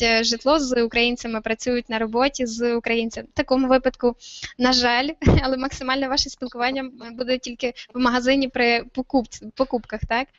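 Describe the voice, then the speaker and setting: Brief: woman from Ukraine, fairly high voice, halting with fillers, muffled lo-fi recording. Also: no room sound. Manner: hesitant, many fillers and restarts. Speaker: interview guest. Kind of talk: casual explaining talk. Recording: dull, lo-fi, dry sound.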